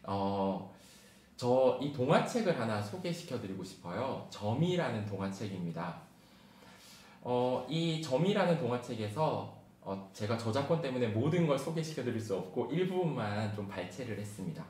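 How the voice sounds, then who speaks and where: A man giving an online training lecture to teachers, talking quickly and reading a picture book aloud with lively emphasis. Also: medium pitch. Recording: roomy sound with faint background hiss.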